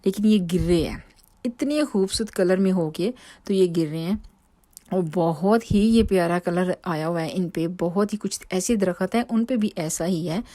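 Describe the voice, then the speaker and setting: A woman's voice: lowish voice, a little mellow, no echo. A woman, chatting through a home vlog voice-over with many fillers and restarts. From Pakistan. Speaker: home vlogger. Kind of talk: casual voice-over narration.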